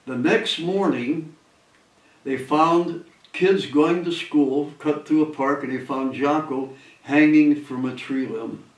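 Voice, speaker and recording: An older man tells a story in a loose, digressive way, chuckling now and then. His voice sits a little high, and it sounds roomy, as if he is some distance from the mic. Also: slow pace. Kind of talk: casual spoken storytelling.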